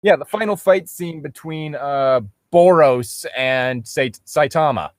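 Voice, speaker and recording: Speaking slowly in a fairly high-pitched voice, a male co-host reads fan fiction aloud for laughs. He keeps interrupting the passages with sarcastic, sweary commentary, going off on tangents to mock the story.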